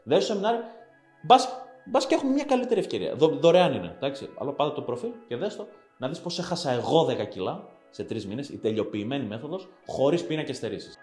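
A man's voice: mid-range voice, very animated, a little mellow. A man giving viewers a blunt, scolding fitness talk, crude and profane, who repeats phrases for emphasis. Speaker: fitness vlogger. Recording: roomy echo with faint background music.

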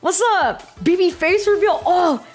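A young woman hosting a casual livestream, chatting to viewers in a playful, excitable gamer-girl way with plenty of swearing and slang. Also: extremely high pitch, unhurried, faint music behind. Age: young adult. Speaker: live streamer, host. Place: small bedroom streaming setup. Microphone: close boom-arm microphone, headset on.

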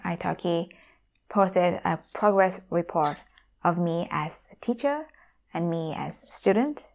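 A woman in her thirties from Thailand, a YouTuber and language teacher, talks casually straight to camera from a room at home with guitars on the wall. Her low voice has a gravelly, fry-tinged edge and a Thai accent. Wearing a lapel mic, she addresses viewers in a friendly, direct way.

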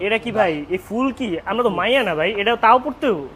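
A man's voice: sits high, expressive, quick pace, a bit bright. A young man co-hosting a food vlog in a restaurant, teasing and joking in casual colloquial speech. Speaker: vlog co-host. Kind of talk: casual banter. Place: restaurant dining room.

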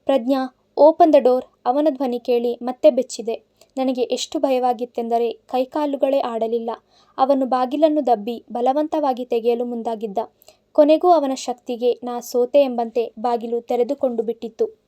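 A woman narrating a first-person love story in a soft, emotional way. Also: on the high side, steady tone, normal speed.

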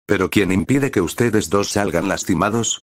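A man's voice: fairly low pitch, moderate pace, close to an everyday voice. A man reading a frightened tearful young boy. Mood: scared pleading. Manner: sobbing, hesitant pleading.

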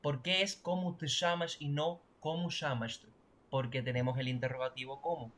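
A man's voice: mid-range voice, flat delivery, normal speed, a bit bright. A man teaching a language class online, explaining grammar and often checking that students follow. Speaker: Portuguese teacher.

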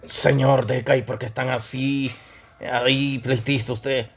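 A man's voice: medium pitch, flat delivery, measured pace, creaky, slightly rough. A man playing a show host who teases and scolds his guests. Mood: teasing. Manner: teasing, mock-stern emcee. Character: gruff mocking male show host.

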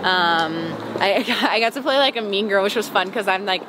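Strolling along a city sidewalk, a young woman singer from Wisconsin gives a casual, giggly interview peppered with "like" and "um." She sounds animated at a normal speed and medium pitch, recorded at close range on a handheld camera amid street noise.

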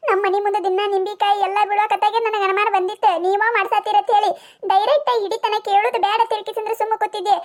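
A woman voicing a loud, angry village woman with a North Karnataka accent, hurling insults in a cartoon comedy. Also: very high voice. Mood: accusing. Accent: North Karnataka Kannada. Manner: shouting insults, scolding. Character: furious loud village woman, quick to accuse.

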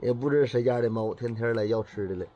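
A man's voice: mid-range voice, fast talker, muffled recording. A man with a Northeastern Chinese accent chatting casually and playfully outdoors while filming on a phone. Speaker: pet vlogger filming cats. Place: outdoors at a house doorway.

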